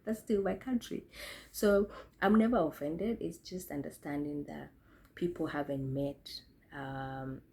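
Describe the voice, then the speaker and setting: A young woman from Kenya speaks in a low, gravelly, warm voice with fairly even intonation and a measured pace. Addressing the camera, she thoughtfully reflects on her experiences, frequently correcting herself and restarting sentences.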